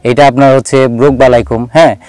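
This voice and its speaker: A man's voice: medium pitch, fairly even intonation, fairly quick, a little mellow, dry recording. A man, an experienced grower, outdoors in a field explaining farming methods and advice at length with confidence. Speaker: experienced farmer giving advice. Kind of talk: explanatory interview answers.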